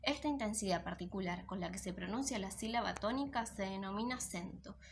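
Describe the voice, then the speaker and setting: Woman teacher, patient, step-by-step explaining, checking in with the class, medium pitch. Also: brisk, background noise. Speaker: secondary school teacher.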